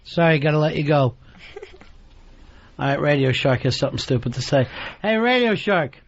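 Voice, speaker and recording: A man's voice: fairly high pitch, animated, vocal fry, heavy background noise. A man hosting a talk radio show, taking calls and teasing guests and callers. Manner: teasing, quick jokes, takes calls. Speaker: radio host. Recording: dull radio broadcast sound.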